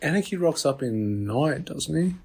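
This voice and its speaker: A man's voice: fairly high pitch, animated, moderate pace, vocal fry, darkish tone, slightly rough. A man co-hosting a casual gaming podcast, mostly chiming in with short agreements and questioning asides. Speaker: podcast co-host.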